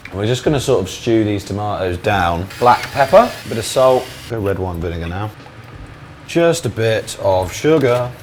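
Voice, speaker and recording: A British man hosts a casual cooking vlog, chatting, swearing jokily and narrating what he's making with jokey self-commentary. His voice is lowish with lively intonation at normal speed, against slight background noise.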